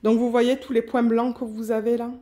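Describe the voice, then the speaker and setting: A woman vlogging an unboxing in a quick, chatty way, reading out color numbers at home. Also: on the high side, flat delivery, dark tone. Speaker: diamond painting vlogger. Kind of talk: casual unboxing chat.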